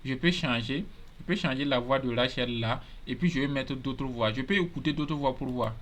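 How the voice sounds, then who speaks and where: A man hosting a screen-recorded software tutorial, casually explaining step by step and often repeating himself. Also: medium pitch, normal speed. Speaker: tutorial host.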